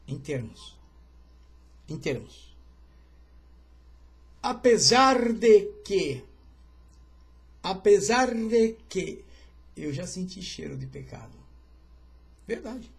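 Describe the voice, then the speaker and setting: A man's voice: high voice, darkish tone. A man, a pastor, teaching an informal livestreamed Bible study in a chatty way, with joking asides and greetings to viewers.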